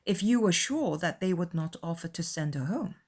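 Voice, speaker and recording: A woman acting out a sensible young woman in a dramatized classic novel, composed and quietly pointed. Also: fairly low pitch, lively intonation, normal speed. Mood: skeptical.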